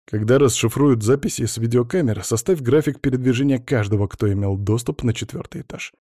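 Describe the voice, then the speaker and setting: Casting: composed investigator, soft measured questions, dark mellow tone, read by a male narrator. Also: mid-range voice, no room sound, studio quality, lightly acted. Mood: probing. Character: calm, probing male investigator, gently ironic.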